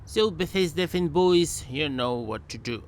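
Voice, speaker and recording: A man's voice: a little high, lively intonation, unhurried, heavy background noise. A man narrating a game video essay with sarcastic, mocking humor and jokey asides. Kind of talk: sarcastic voice-over commentary.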